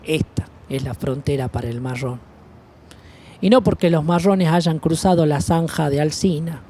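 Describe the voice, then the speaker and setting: Solemn narrator from argentina, scripted manifesto reading, measured listing cadence. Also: mid-range voice, dark tone, slight background noise. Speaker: narrator of an activist video piece.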